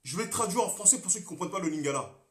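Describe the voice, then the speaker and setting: A young Congolese man, a political activist, talking on a live stream with passion, repeating himself and swinging between loud and quiet. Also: sits high, lively intonation, very fast, roomy sound. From Congo (DRC). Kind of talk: monologue on a Facebook live stream.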